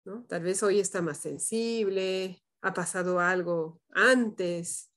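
A woman leading a parenting practice group, speaking calmly and thoughtfully with frequent questioning tags. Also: fairly low pitch, slow pace. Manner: calm, thoughtful, many "¿no?" tags. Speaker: group facilitator. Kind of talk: reflective group discussion.

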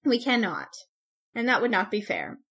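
A woman's voice: medium pitch, wildly swooping pitch, moderate pace, fairly bright tone, husky. A woman with a Canadian accent co-hosting a podcast, chatting casually and laughing often. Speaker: podcast co-host. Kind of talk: casual chat, scoring popes.

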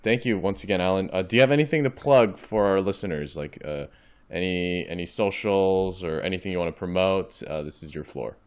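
A man's voice: sits low, brisk, smooth. A man hosting a casual interview podcast, rambling and restarting his sentences as he asks questions. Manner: rambling, hesitant, full of restarts. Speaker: podcast host.

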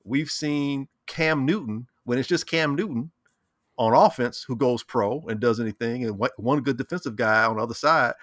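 A man's voice: mid-range voice, moderate pace, a bit bright, no room sound, studio quality. A man in casual sports chat, talking animatedly, repeating words and acting out what he said and thought. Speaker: sports talk co-host.

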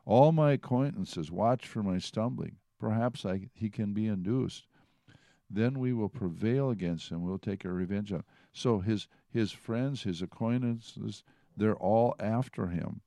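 A man's voice: on the low side, measured pace, vocal fry, dark tone, no room sound, studio quality. A man teaching from the Bible in a conversational way, retelling and reading passages aloud. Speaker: preacher.

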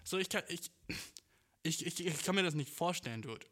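A man's voice: a little high, expressive, normal speed, bright, forceful tone. A man in his twenties, talking in a loose, rambling, slang-heavy monologue that swears a lot and mixes in English. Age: 20s. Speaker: podcast host and amateur musician.

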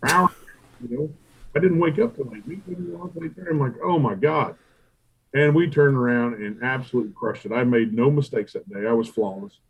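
A middle-aged man, telling barbecue stories in a loose, profane interview. His voice is a bit husky and sits at an ordinary pitch for a man. He jumps into quick acted asides as he quotes himself and others. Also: highs cut off. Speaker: competition barbecue pitmaster and restaurant owner. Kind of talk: casual storytelling interview.

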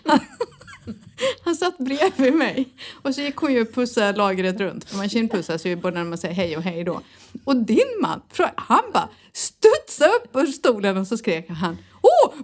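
A woman's voice: a little high, expressive. A middle-aged woman co-hosting a podcast, chatting casually, telling stories animatedly and laughing often. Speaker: podcast co-host. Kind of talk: casual chat.

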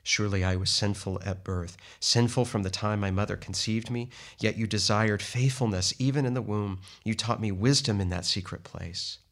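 A man giving a steady, measured Bible reading, lightly voicing the people in the text. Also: fairly low pitch. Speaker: scripture reader.

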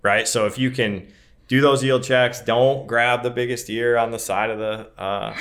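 A man's voice: mid-range voice, steady tone, moderate pace, fairly bright tone. A man co-hosting a podcast, giving casual advice in a folksy, emphatic way with frequent check-ins. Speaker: podcast co-host and grain marketing advisor. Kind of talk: casual advisory podcast talk.

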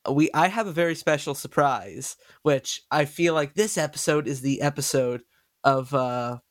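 A man hosting a podcast, chatting casually with a nasal voice and excitable, stumbling delivery. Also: fairly high pitch, normal speed, no room sound, studio quality. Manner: excitable, stumbling over words. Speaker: podcast host.

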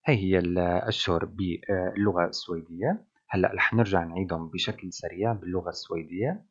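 A man with a Levantine Arabic accent teaching a language lesson, pausing often on drawn-out fillers. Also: sits low, dull audio. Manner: hesitant, with frequent drawn-out fillers.

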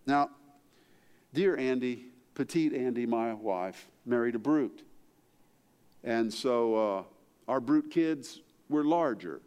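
A middle-aged male pastor preaching a sermon, chatty and conversational, swinging from quiet asides up to emphatic, higher-pitched peaks. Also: slow pace, pauses often, clean tone, highs cut off. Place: church sanctuary. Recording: long hall reverb.

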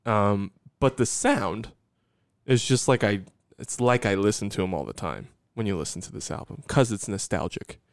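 Podcast co-host, male, smooth and a bit low, dry mic, easygoing ramble. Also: normal speed, dry recording. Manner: relaxed, rambling, trails off. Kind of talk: casual chat.

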